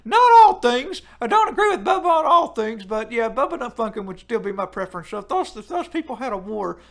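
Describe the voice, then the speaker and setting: A man's voice: extremely high pitch, fairly quick, heavily acted. A man voicing a brash, foul-mouthed male wrestling fan who hosts a live stream and reads chat comments aloud. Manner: crude, swears freely, excitable outbursts. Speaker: livestream host reading chat.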